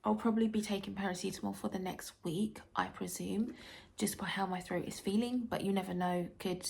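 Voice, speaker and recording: A woman recovering from tonsil surgery with a dry, sore throat, talking casually and haltingly in a personal health vlog. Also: medium pitch, steady tone, vocal fry, darkish tone. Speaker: vlogger.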